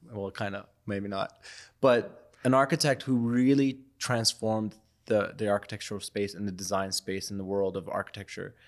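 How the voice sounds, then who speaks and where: A young man from Iraq, a photographer and podcast guest, speaking in a reflective, loose, conversational way. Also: fairly low pitch. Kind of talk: casual interview talk.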